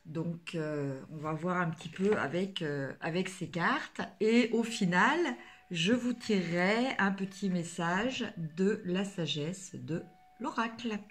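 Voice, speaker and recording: A woman's voice: fairly low pitch, takes it slowly. A woman from France reading tarot cards for her viewers, in a casual, hesitant way, full of fillers and restarts. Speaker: tarot card reader.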